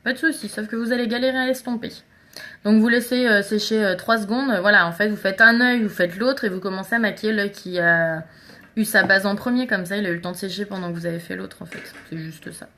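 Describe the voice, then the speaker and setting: A woman's voice: medium pitch, fairly even intonation, fairly quick, pushed and bright, a little hiss or hum. A woman chatting casually through a live makeup tutorial, talking straight to her viewers. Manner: chatty, addresses viewers directly and greets commenters. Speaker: makeup seller doing a live stream.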